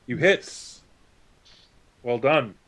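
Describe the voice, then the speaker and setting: A man's voice: medium pitch, lively intonation, extremely slow, a bit bright. A man running a tabletop game as game master, describing monster attacks and calling on players, with hesitant fillers.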